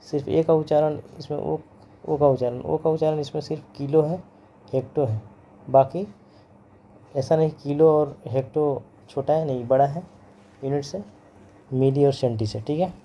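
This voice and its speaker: A man's voice: fairly high pitch, steady tone, moderate pace, long pauses, muffled recording, a little hiss or hum. A man teaching physics in a lecture, repeating each term and its pronunciation over and over, mixing English terms into his Hindi. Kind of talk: classroom lecture.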